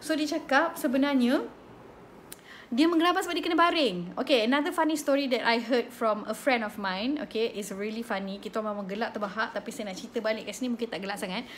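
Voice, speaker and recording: A woman in her thirties with a Malaysian accent, hosting a parenting talk and telling stories in a chatty, animated way. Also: on the high side, a little fast, slight background noise. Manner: chatty, code-switching, animated storytelling. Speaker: host of a parenting slot. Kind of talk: casual live chat, storytelling.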